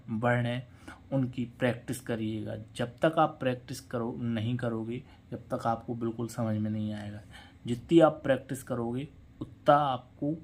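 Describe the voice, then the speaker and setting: A man teaches spelling and pronunciation in an unhurried, drawn-out way. His pitch sits in a middle range. He spells out words letter by letter, then says them again and again. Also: a little mellow. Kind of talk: spelling lesson, letters read out slowly.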